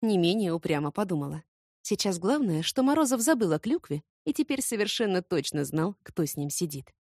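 A woman narrating an audiobook in first person, expressive and ironic. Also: fairly low pitch, fairly quick, no echo, studio quality.

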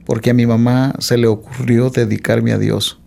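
Gravelly-voiced man telling his life story. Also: medium pitch, flat delivery, normal speed, mellow. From Mexico. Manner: hesitant, with frequent "eh" fillers and restarts. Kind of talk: testimony in an interview.

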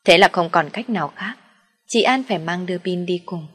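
Husky low-voiced woman storyteller. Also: brisk, a bit bright, faint music behind. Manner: dramatic storytelling. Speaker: narrator. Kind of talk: storytelling narration.

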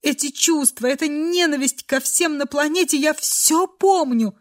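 A woman's voice: fairly even intonation, measured pace, lightly acted. A woman voicing a frightened young woman who sobs in despair. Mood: desperate. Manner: sobbing, high and desperate.

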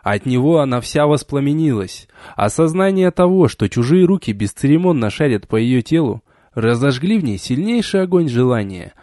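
A man reading an adventure novel aloud as an audiobook, in an expressive storytelling way. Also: mid-range voice, normal speed, few pauses, dry recording, clean studio sound. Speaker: audiobook reader. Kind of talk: audiobook narration.

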